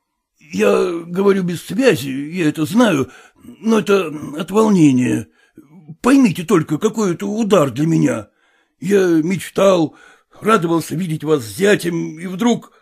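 An agitated middle-aged merchant father, as a male reader puts him on, rambling and pleading. The voice is husky and a touch gravelly, sitting fairly high and moving in wide, lively swings. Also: a little slow, heavily acted. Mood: flustered.

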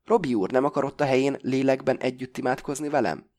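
A man's voice: mid-range voice, fairly even intonation, darkish tone, natural voice. A man voicing an insistent, pious woman passenger who speaks formally and sternly. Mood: solemn.

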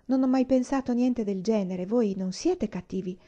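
A woman voicing a kind grown woman who speaks softly and tenderly to a child in an audiobook. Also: a little high, moderate pace, highs cut off, close to an everyday voice. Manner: soft, tender, reassuring.

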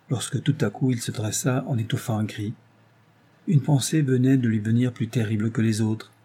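A man reads a novel aloud with a measured, dramatic delivery. His voice is mellow and dark, with a husky edge. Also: mid-range voice. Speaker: audiobook narrator. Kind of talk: scripted narration of a novel.

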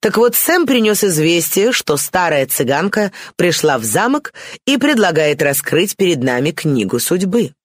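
A reader voicing a jovial middle-aged colonel who makes loud announcements to the company, in an audiobook. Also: mid-range voice, very animated, moderate pace, no echo, clean studio sound. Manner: loud, declaiming.

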